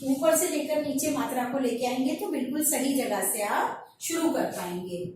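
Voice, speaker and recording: A woman teaching a kindergarten class online, drawing out each syllable slowly as she drills the letters. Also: high voice, a little mellow, a little hiss or hum. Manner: slow, drawn-out syllable drilling. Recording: echoey room from a distance.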